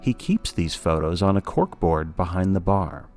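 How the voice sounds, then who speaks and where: A man with a very low voice tells a spooky story in a scripted, measured way, with a dry, wry edge. Quiet music plays softly under his narration. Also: expressive. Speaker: podcast narrator.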